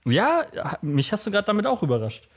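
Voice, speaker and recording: Ein Mann spricht als Texter und Co-Moderator in einem lockeren Podcast, direkt, spöttisch und nachdrücklich. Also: male voice, high-pitched, huge pitch swings, a little fast. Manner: blunt, joking, emphatic. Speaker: podcast co-host, copywriter. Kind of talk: casual podcast chat.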